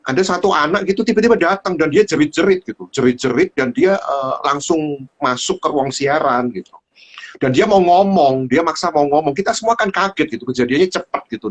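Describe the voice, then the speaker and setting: Male host, casual livestream chat, animated storyteller, filler-heavy. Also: on the high side. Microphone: livestream phone.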